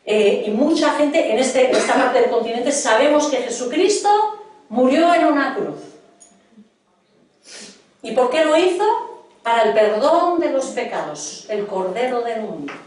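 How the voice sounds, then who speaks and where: A woman's voice: a little high, lively intonation, a little slow, a little mellow, distant mic. A middle-aged woman from preaching a sermon in a church hall, earnestly questioning her congregation. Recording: echoey hall, voice from afar.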